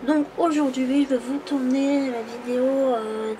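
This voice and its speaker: A woman's voice: high-pitched, steady tone, measured pace, background noise. A woman in her twenties from the Île-de-France region, chatting casually and hesitantly while coloring on camera at a table, with many fillers. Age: 20s. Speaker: coloring YouTuber. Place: indoors at a table.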